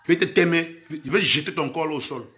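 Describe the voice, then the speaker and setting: High-voiced Cameroonian man, heated and threatening. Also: fairly quick, sharp tone, echoey room. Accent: Cameroonian French, mixing in Camfranglais. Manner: threatening, heated, keeps repeating "man" and "vrai". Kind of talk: angry rant filmed for social media.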